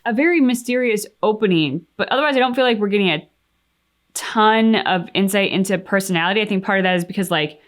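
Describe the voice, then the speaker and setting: A woman with a medium-pitched voice talks quickly as she co-hosts a game reaction channel. She's casual and reflective, giving her opinions and thinking aloud with lots of likes and you-knows.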